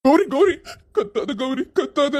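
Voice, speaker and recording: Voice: medium pitch, moderate pace, slight background noise, lightly acted. A performer voicing a devoted young husband who tearfully begs his wife to accept him. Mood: tearful pleading. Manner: begging, tearful.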